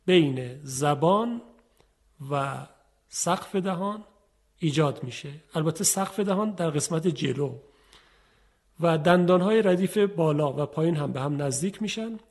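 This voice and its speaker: Brief: male tajweed teacher, patient explainer, slightly high voice, demonstrates sounds. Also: a little mellow. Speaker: Quran recitation teacher. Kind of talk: instructional radio lesson on tajweed.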